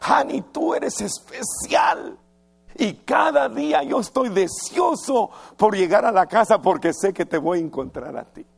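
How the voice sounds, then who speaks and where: A preacher acting out a tender, worried husband from the Bible, asking soft, coaxing questions. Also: male voice, high voice, animated, measured pace, creaky, husky, voice pushed up, exaggerated voice. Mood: loving.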